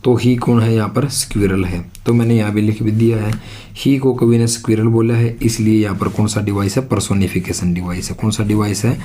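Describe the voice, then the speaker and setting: A man's voice: lowish voice, fairly even intonation, brisk, mellow, slight background noise. A man teaching an exam-prep English lesson, explaining step by step and repeating his own questions.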